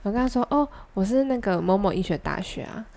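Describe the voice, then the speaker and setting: Young woman, Taiwanese Mandarin accent, podcast co-host, casual storytelling, mid-pitched voice. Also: quick pace, vocal fry. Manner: chatty, animated anecdote telling with quoted dialogue.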